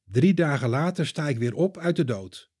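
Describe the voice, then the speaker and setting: A man voicing Jesus as a calm, gentle and firm grown man in a children's Bible story reading. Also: fairly high pitch, normal speed, husky, pitched above the performer's own voice.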